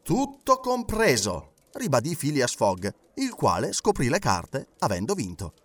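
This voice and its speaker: A man's voice: mid-range voice, big pitch swings, moderate pace. A man narrating a novel as an audiobook, telling it expressively. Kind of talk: scripted literary narration.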